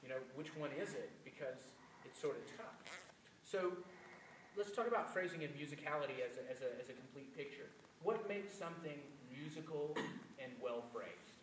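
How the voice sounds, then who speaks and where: A man's voice: a little high, normal speed. A man teaching a music master class, explaining and quizzing his students with energy. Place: concert hall or classroom. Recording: echoey room from a distant mic with noise.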